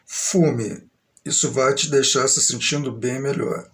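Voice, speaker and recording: Speaking slowly in a steady, medium-pitched and slightly bright voice, a middle-aged man from São Paulo, Brazil, rambles to the camera. His monologue is grandiose and aggrieved, wandering at an uneven pace.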